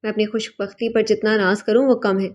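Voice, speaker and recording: A woman voicing a remorseful young husband in an audiobook, with a soft, pleading and emotional delivery. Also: medium pitch, little pitch movement, lightly acted. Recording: dull lo-fi recording.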